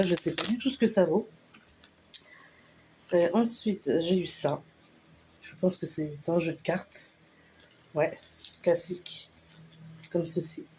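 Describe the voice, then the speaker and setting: A woman casually talking through a shopping haul, unhurried and hesitant with lots of fillers. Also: fairly low pitch, a little mellow, slight background noise. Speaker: vlogger showing a store haul. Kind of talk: casual haul video chat.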